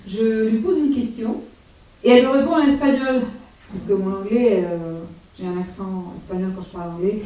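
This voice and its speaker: A woman's voice: medium pitch, moderate pace, mellow. Chatty woman in an echoey hall. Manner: chatty, hesitant, many fillers and restarts. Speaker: speaker giving a travel talk. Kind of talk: informal slideshow talk about a solo walking pilgrimage. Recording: very echoey room, voice far from mic.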